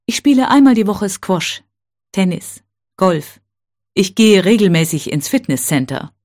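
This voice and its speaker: Female teacher, mellow voice, unhurried drill reading with careful gaps between phrases. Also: medium pitch, expressive. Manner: slow, careful, clearly spaced phrases. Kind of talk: reading set phrases for learners.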